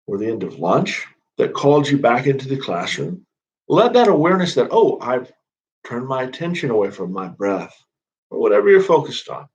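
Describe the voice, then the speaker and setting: Calm man guiding a meditation. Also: mid-range voice, muffled recording. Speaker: spiritual counselor. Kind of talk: guided meditation instruction.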